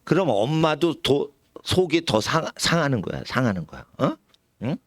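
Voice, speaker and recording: A man preaches a sermon with a pitch that leaps and falls, acting out quoted voices as he goes. His voice sits a little high for a man. The sound is close and dry, with little room around it. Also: very animated, moderate pace, no echo. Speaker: pastor. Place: church sanctuary.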